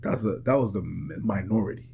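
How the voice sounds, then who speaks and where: A man's voice: on the low side, a little fast, gravelly, dark tone, slightly rough. A man arguing bluntly on a podcast panel, dismissive of the other side. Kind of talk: podcast debate.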